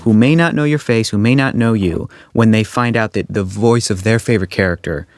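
A man hosting a podcast, asking questions with eager, affirming reactions and quick laughs. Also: on the low side, no room sound, clean studio sound, faint music behind. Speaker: podcast host. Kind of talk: casual interview chat. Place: recording studio.

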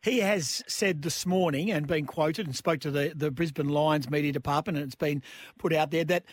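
An Australian man hosting a sports radio show, asking a guest questions in a brisk, conversational way. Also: fairly high pitch, no room sound. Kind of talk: radio interview.

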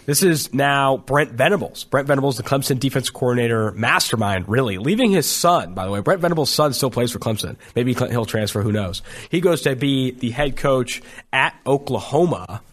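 A man co-hosting a sports podcast, talking in a casual, animated way, swearing and laughing at the absurd. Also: mid-range voice, normal speed. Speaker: podcast co-host.

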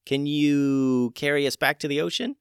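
A man voicing a bewildered young mermaid, high and flustered, often shrieking. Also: fairly even intonation, moderate pace, clean tone, dry recording, clean studio sound, natural voice. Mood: hesitant.

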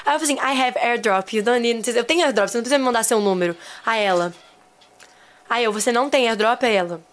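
A young Brazilian woman, appearing as a podcast guest, tells a travel story in casual chat. Her fairly high voice is fast and animated, she laughs a lot, and she repeats phrases for emphasis.

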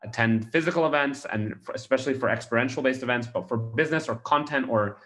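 Talking fast in a medium-pitched, somewhat bright voice, an Australian startup founder answers interview questions. He rambles, restarting sentences often and leaning on fillers.

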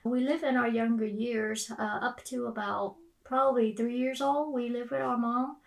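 A woman's voice: fairly high pitch, steady tone, vocal fry, far from the mic, rough recording. Vietnamese-born woman recalling her childhood. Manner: halting, with many fillers and restarts. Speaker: guest. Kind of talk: casual family interview.

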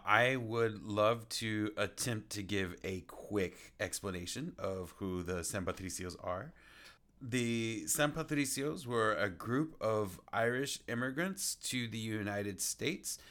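A man's voice: fairly low pitch, a bit bright. A man co-hosting a podcast conversation, talking earnestly and thoughtfully with frequent fillers. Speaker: podcast co-host and playwright. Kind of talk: casual video-call conversation.

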